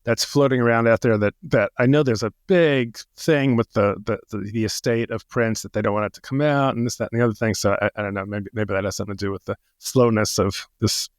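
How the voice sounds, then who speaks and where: A man's voice: lowish voice, steady tone, a little fast, few pauses, no room sound, clean studio sound. A man co-hosting a theater podcast, talking casually and hesitantly, often repeating words as he goes. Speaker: podcast co-host.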